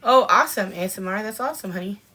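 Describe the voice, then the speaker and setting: A woman co-hosting a podcast in a casual live-stream chat, chatting as she answers viewer comments with frequent ums and pauses. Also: medium pitch, lively intonation, sharp tone, husky. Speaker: podcast co-host.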